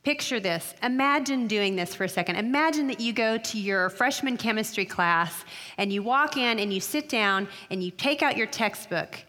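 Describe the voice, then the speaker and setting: A middle-aged woman giving an earnest, emphatic talk to college students, slowing down to stress key phrases. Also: on the high side, animated, sharp tone. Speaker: speaker addressing college women. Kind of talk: sermon. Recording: long hall reverb.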